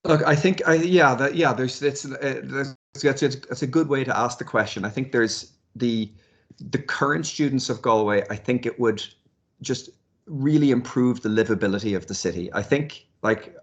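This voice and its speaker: A man's voice: mid-range voice, moderate pace, fairly bright tone. A man giving thoughtful, hesitant interview answers, often repeating words as he works out his ideas. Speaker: university lecturer and researcher, interviewee.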